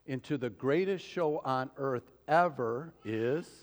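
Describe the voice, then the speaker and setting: Speaking slowly in a medium-pitched voice, this pastor delivers a sermon in a relaxed, conversational style, often wandering into asides to his congregation. The long echo of a church hall surrounds him in the sanctuary.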